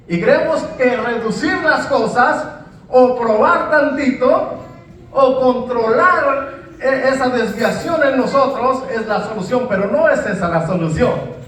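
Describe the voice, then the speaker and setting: A man's voice: very high voice, fairly bright tone, slight background noise. A man preaching a sermon, emphatic, often repeating words and saying amen. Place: church hall. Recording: very echoey church hall, mic at a distance.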